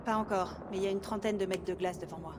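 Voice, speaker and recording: An actress playing a composed, determined explorer on a solo mission in a video game, speaking in a terse, focused way. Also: female voice, medium pitch, fairly even intonation, fast talker, recorded from a distance, background noise, lightly acted. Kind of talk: naturalistic video game voice acting. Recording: long cavernous reverb under loud music.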